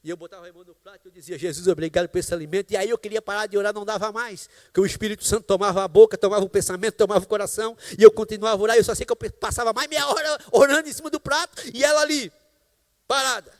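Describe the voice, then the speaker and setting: High-voiced Brazilian pastor preaching. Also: male voice, steady tone, very fast, big-room sound. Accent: Brazilian Portuguese. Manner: storytelling testimony with preaching exclamations. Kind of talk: sermon. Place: large church temple. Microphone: live stream church microphone.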